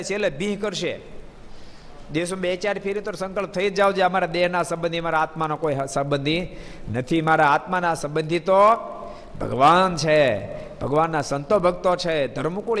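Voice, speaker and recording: Male preacher, fairly high voice, animated sermon delivery, recorded in a reverberant hall. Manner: animated, addresses listeners by name, rising emphatic bursts. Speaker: swami preacher. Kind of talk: devotional sermon with storytelling.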